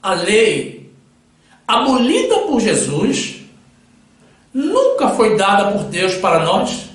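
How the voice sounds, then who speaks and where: A man's voice: high voice, wildly swooping pitch, slow. A male preacher delivering a solemn sermon with Bible readings, addressing his listeners as brothers. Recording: very echoey room.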